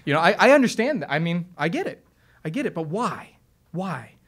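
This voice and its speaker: With a high, fairly bright voice and big pitch swings, a male opera singer speaks a little fast in a relaxed, enthusiastic talk explaining his craft to an audience. He uses lots of fillers and restarts, on a stage or in a piano studio.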